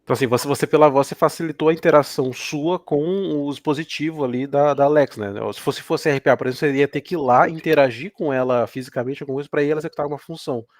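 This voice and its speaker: A man's voice: a little high, very fast, hardly any pauses, no room sound. Brazilian man explaining, very dry sound. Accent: Brazilian Portuguese. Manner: explanatory, uses fillers. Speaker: speaker. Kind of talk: technical explanation.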